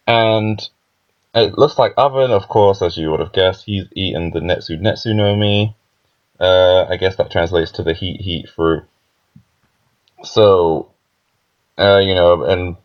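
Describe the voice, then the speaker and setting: Young man, very low voice, rambling casual commentary, muffled lo-fi sound. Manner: rambling, laughs often, many fillers. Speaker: manga chapter reviewer. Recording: dull lo-fi recording.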